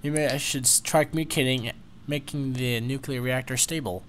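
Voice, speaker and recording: A man hosting a gaming video, chatting casually and reacting excitedly as he plays. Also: mid-range voice, moderate pace, slight background noise. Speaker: channel host, game player.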